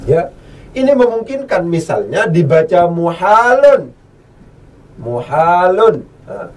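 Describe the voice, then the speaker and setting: A man teaching Arabic grammar who quizzes the listener, repeats key phrases and chants verb forms slowly. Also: high voice, a little mellow, recorded from a distance. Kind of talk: classroom lesson, recited conjugation drills.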